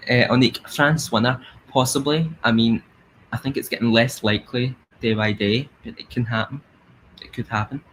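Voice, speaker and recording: A man's voice: mid-range voice, fairly even intonation, moderate pace, a bit bright, slight background noise, low-quality recording. A young Scottish man chatting casually as host of a live stream, rambling with lots of fillers. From Scotland. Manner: chatty, rambling, sings along in snatches.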